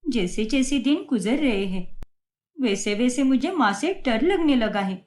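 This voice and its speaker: A woman voicing a timid young adult daughter who pleads and apologizes in an animated story. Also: a little high, unhurried. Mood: complaining.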